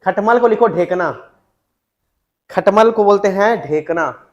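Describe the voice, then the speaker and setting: A man's voice: sits high, fairly even intonation, a little slow, highs cut off. A male teacher giving a classroom lecture, dictating words, repeating them and asking the class questions. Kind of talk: classroom lecture on Chhattisgarhi vocabulary.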